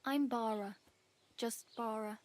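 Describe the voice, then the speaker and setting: Chatty young beggar girl, friendly, laughs easily, fairly high voice. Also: fairly even intonation, slow pace, noisy background. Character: cheerful young female wandering beggar.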